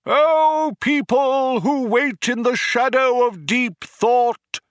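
A grandiose orator bellows his proclamations to a vast crowd, his voice pitched high and drawn out. The sound is close and dry. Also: takes it slowly, no echo, full character voice. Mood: proclaiming. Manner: declaiming loudly over a tannoy. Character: booming male crowd orator, grandiose and pompous.

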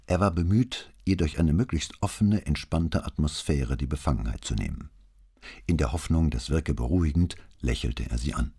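A man reads a crime novel aloud in a calm, measured narration. His voice is extremely low and dark, with a soft, husky texture throughout. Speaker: audiobook narrator.

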